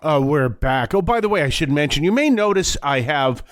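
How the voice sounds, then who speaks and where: A man's voice: on the high side, moderate pace, dry recording. A middle-aged or older man from Massachusetts with a wheezy voice, wheezing from allergies as he hosts a casual, rambling religious talk. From Massachusetts, United States. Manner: rambling, animated storytelling with acted-out quotes. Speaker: religious talk show host. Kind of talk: casual, conversational faith talk.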